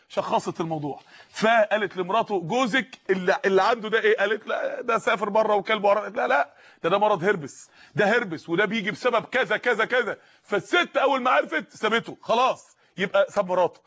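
A man with an Egyptian Arabic accent preaching a sermon in an impassioned way, raising his voice to shouts. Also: very high voice. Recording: muffled lo-fi recording.

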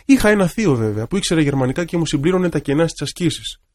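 Gentle preaching man, fairly high voice. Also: sing-song. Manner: gentle, reflective storytelling with a pastoral tone. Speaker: Orthodox priest. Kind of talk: radio sermon.

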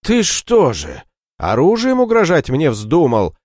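A man's voice: fairly high pitch, wildly swooping pitch, measured pace, dry recording, clean studio sound, pitched above the performer's own voice. A man doing a hot-tempered dim warrior. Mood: angry. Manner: shouting, bossy.

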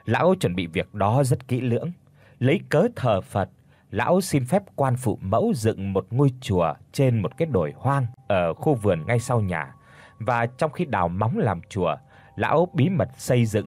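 A man narrating a dramatic story for an audiobook in an expressive storytelling manner. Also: medium pitch, moderate pace. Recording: faint background music.

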